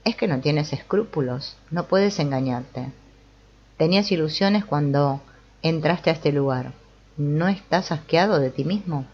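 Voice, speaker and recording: A woman's voice: low-pitched, unhurried, breathy edge, muffled recording. A woman reading the lines of a refined, mysterious woman in a brothel, asking grave, searching questions.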